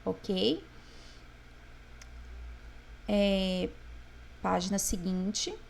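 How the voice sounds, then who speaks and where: A woman's voice: mid-range voice, lively intonation, drawn-out words, creaky, a little hiss or hum. A woman teacher going through homework corrections, patiently sounding words out syllable by syllable. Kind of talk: correcting homework exercises aloud.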